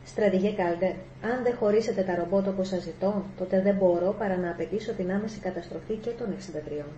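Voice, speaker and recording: Stern, insistent woman psychologist, read by a woman; mellow tone in a roomy space. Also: mid-range voice, dull audio, slight background noise, natural voice. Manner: firm, insistent. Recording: echoey room, faint ambience.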